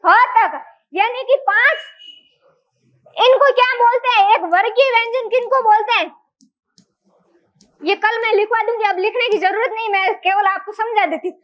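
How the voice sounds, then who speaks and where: High-pitched woman teaching a class. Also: normal speed, long pauses, fairly bright tone, rough recording. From India. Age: adult. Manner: asks the class frequent questions. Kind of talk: classroom grammar lesson.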